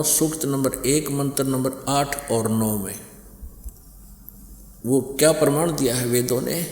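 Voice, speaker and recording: A man's voice: mid-range voice, darkish tone. A man giving a religious discourse, emphatic and repetitive, citing scripture verse by verse. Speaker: spiritual preacher. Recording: echoey hall with long reverb.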